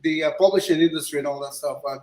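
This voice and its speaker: The voice is a little high, darkish, and rapid-fire: a middle-aged man from Ecuador, interviewed as a guest illustrator. He wanders through his answers with frequent restarts and fillers in an informal chat, recorded in a room with echo.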